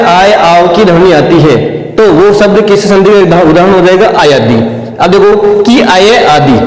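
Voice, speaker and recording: A man teaching a classroom grammar lesson, repeating each point and asking questions that he answers himself. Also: high voice. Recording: echoey room with long reverb.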